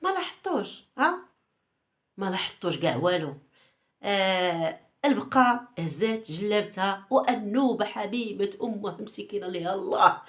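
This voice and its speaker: Gossip host: woman, Moroccan Arabic accent, mid-pitched voice, casual and insinuating, loves rhetorical questions. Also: fairly quick. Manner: insinuating, teasing rhetorical questions, repeats herself.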